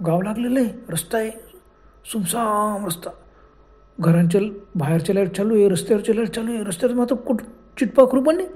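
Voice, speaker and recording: A storyteller narrating a spooky ghost story dramatically, often dropping to a hush. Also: mid-range voice. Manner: dramatic, with frequent hushed passages.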